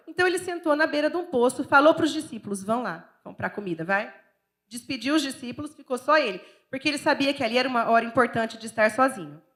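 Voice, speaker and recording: A Brazilian woman pastor preaching a sermon in a chatty, candid and expressive way, with a Brazilian accent. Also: high voice. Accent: Brazilian Portuguese. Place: church.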